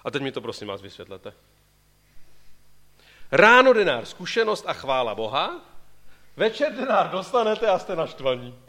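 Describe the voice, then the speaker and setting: A man's voice: fairly high pitch, pauses often. A man preaching a sermon, asking his listeners questions and pulling them into the story. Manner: animated, questioning the congregation directly.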